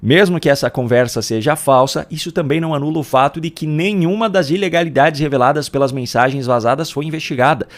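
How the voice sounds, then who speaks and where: A man with a Brazilian accent delivering scripted political commentary in a deliberate, emphatic way. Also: fairly high pitch. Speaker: political commentator and video host.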